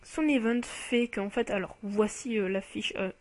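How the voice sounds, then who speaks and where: A woman's voice: mid-range voice, steady tone, a little slow. A woman giving casual spoken commentary on a mobile game card as a YouTuber. She talks in a chatty, enthusiastic way and hesitates often, with many fillers and restarts.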